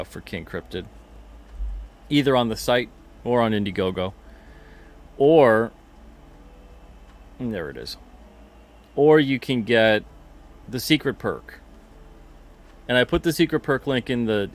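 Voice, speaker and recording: A man hosts a casual livestream in a relaxed, rambling way, often repeating his own phrases. His voice sits on the lower side for a man. He talks straight into a desk mic. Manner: chatty, rambling, repeats himself, reads chat comments aloud. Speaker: podcast host and comic publisher.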